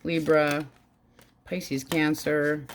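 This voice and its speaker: A woman's voice: level tone, extremely slow. Woman doing a tarot reading, blunt and chatty, swears a bit, little background noise. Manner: chatty, blunt and swearing, with sudden pitch jumps. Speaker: tarot reader.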